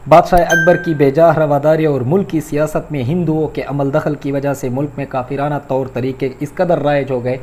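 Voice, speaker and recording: A man lectures like a patient Urdu teacher, naming each word, giving its meaning and correcting how it is said. His voice sits slightly high, and there is a faint hiss in the background. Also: little pitch movement, few pauses. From Pakistan. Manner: explanatory, repeats words to correct pronunciation; addresses listeners as "janab". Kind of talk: lecture on vocabulary and grammar.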